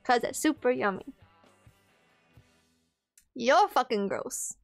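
A woman's voice: high voice, animated, slow pace, gravelly, no room sound, soft background music. A young woman live streamer chatting casually with viewers in a playful, giggly, exclamatory way, close on the mic. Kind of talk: casual livestream chat with viewers. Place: small room at home, indoors.

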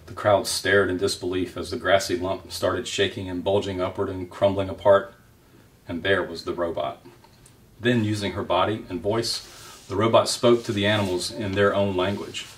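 A man reading a children's novel aloud in a gentle, unhurried storytelling manner. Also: sits low, distant mic.

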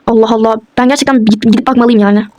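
A woman's voice: on the high side, steady tone, very fast, warm tone, no echo, lightly acted. A woman voicing a frantic young husband in a toy role-play, pleading and disbelieving. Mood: distraught.

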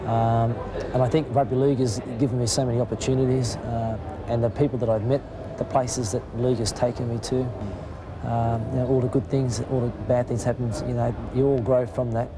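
Male player, flat halting interview, outdoor traffic noise. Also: mid-range voice. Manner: halting, many fillers. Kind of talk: reflective interview.

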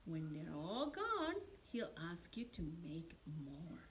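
In an indoor classroom, a middle-aged woman with a fairly low voice reads a picture book to young children. She tells the story expressively and deliberately, much like a preschool teacher, while a steady room noise is clearly audible.

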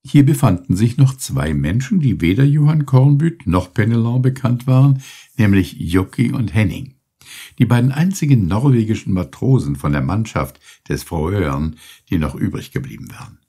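A man narrating an audiobook in a scripted, expressive storytelling style. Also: fairly low pitch, moderate pace, slightly rough.

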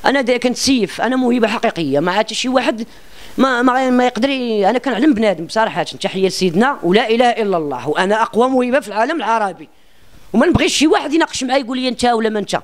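A man with a Moroccan accent talks about himself in a boastful, rambling way. His voice sits very high for a man, and he speaks quickly, cutting off words and starting them again. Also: animated. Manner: boastful and rambling, with frequent restarts. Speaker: self-described singer being interviewed. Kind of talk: casual interview talk.

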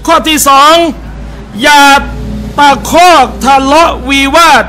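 Speaking slowly in a very high-pitched, sharp voice with fairly even intonation, a male Islamic religious teacher gives a sermon in a restaurant hall before a live audience. He tells personal stories, acts out brief quotes, and addresses listeners as brothers and sisters, with slight background noise.

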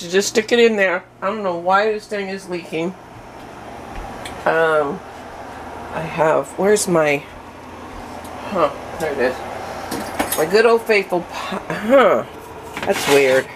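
A woman's voice: lowish voice, background noise. A woman vlogging a casual cooking demo in her home kitchen, chatty and rambling with many fillers and restarts, breathing hard.

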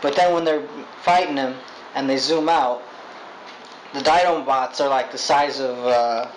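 A man's voice: medium pitch, a little slow, slight background noise, low-quality recording. A young man chatting casually about a movie, rambling, swearing and stumbling over his words. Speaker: co-host. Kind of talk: casual movie review chat.

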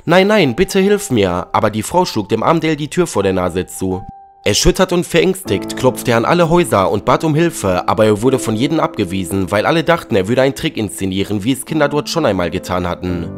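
A man narrating a dramatic story in a lively reading tone. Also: on the low side, brisk. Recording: faint background music.

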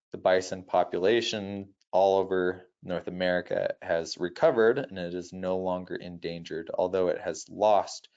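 A man presenting wildlife in an unscripted nature documentary style, measured and informative, with halting self-corrections. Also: sits low, highs cut off.

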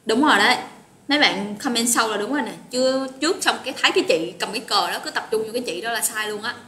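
A woman's voice: fairly high pitch, quick pace, pushed and bright. A woman teaching an English vocabulary lesson online, chatty and encouraging, greeting students by name. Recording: roomy echo with faint noise.

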